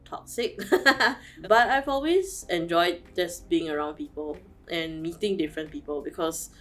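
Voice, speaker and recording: A woman in her thirties giving thoughtful, measured answers in an interview. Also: fairly low pitch, a bit bright, soft background music. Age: 30s.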